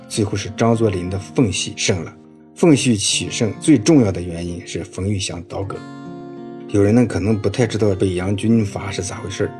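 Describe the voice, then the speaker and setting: A writing instructor delivers a scripted audio lecture on writing in a storytelling tone, filling out his phrases with filler particles. His voice is lowish with a darkish tone.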